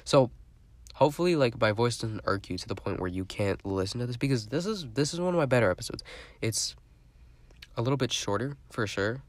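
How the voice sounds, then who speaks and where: With a medium-pitched, animated voice, a young podcast host talks briskly through a casual solo monologue. He sounds stuffy and congested, rambles chattily and leans on fillers, and the audio has no echo.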